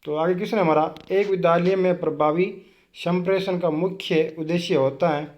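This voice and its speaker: A man's voice: high voice, steady tone, normal speed, a little mellow, dull audio. A man with a Rajasthani Hindi accent teaching an exam-prep quiz lesson. He reads each question, asks it back and answers it himself.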